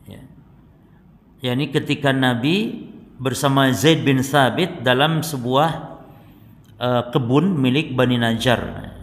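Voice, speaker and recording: A man's voice: mid-range voice, slow, pauses often. Man teaching a religious lesson in a reverberant hall. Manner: recites Arabic then explains it, addressing the congregation. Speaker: Islamic teacher.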